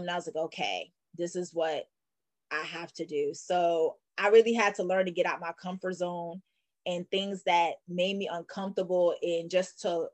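A woman with a lowish voice shares her faith in a relaxed conversation. She speaks earnestly, in a testifying way, and gets lively when she tells a story. The sound is dry and close. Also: dry recording. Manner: earnest, testifying, animated when telling stories. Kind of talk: faith-based casual conversation.

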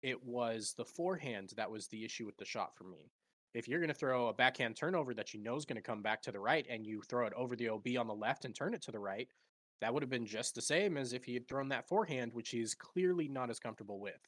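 A man talks through a sports argument in a casual podcast chat, voice sitting at a middle pitch. He often restarts his sentences as he builds a point. The sound is dry and close, with no room echo. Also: expressive, fast, fairly bright tone. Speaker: podcast co-host.

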